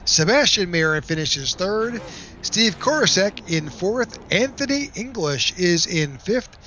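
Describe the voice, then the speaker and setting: A man calling a race broadcast in a high, bright and forceful voice. He keeps an upbeat announcer's tone and reads out the finishing order in a steady list. A faint hiss sits under his voice. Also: unhurried, highs cut off. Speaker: play-by-play announcer.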